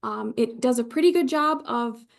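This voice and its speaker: A woman's voice: on the high side, moderate pace, vocal fry. A woman with an Upper Michigan Yooper accent leading an online training as an informal, conversational instructor who reassures her learners. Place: live online video session.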